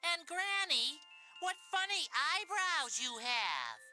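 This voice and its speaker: Cheerful young bird, very bright, slow singsong, children's storybook, faint music. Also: very high-pitched, big pitch swings, full character voice. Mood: wondering.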